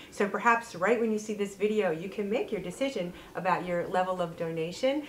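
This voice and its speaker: A woman in her forties who owns a bookstore, speaking earnestly to camera in a fundraising pitch on a lapel mic. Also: a little hiss or hum, low-quality recording. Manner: warm, earnest, heartfelt. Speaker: bookstore owner. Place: bookstore interior and outdoor porch.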